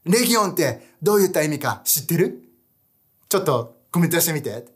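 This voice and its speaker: A young man preaching a casual online sermon, animated and chatty, often asking his audience questions. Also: fairly high pitch, brisk. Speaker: youth pastor.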